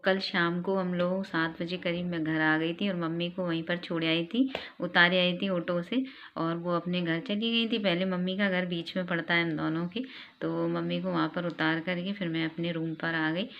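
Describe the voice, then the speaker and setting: A woman's voice: lowish voice, fairly even intonation, normal speed. A middle-aged woman chatting casually in a home vlog, telling the day's events. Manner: chatty, homely storytelling. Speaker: vlogger. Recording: dull lo-fi sound, faint noise.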